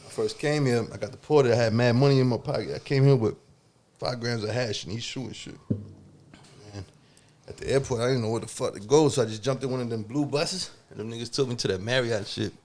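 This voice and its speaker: A man's voice: mid-range voice, a little fast, a little mellow. A man in his forties from Germany, a guest telling a profane story with laughs on a casual podcast. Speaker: guest rapper.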